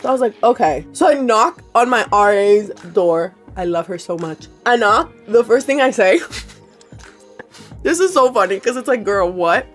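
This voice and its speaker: A woman in her twenties talking to camera in a casual storytime chat, animated and swearing, often laughing and quoting people in voices. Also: mid-range voice, normal speed, soft background music. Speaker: vlogger.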